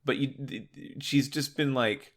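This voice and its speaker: A man co-hosting a casual discussion about games, explaining things in a halting, discursive way. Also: mid-range voice, steady tone, vocal fry. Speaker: podcast co-host.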